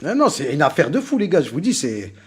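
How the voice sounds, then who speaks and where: A man's voice: fairly high pitch, huge pitch swings, quick pace, slight background noise. A man with a French suburban street accent hosting a casual livestream chat in heavy street slang peppered with oaths. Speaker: livestream host.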